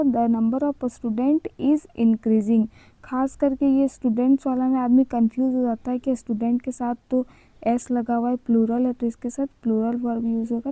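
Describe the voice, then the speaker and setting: A woman teacher giving an exam revision lesson, reading each question slowly and then asking and answering it herself. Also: no room sound, rough recording. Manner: ends each answer with a high, soft confirming tag.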